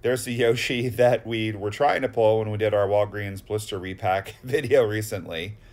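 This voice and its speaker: A man's voice: lowish voice, fairly even intonation, moderate pace, a little mellow. Gushing Boston-accented man narrating. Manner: gushing, exclamatory, rattles off card names. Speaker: vlogger touring a card shop. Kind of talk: excited voice-over narration.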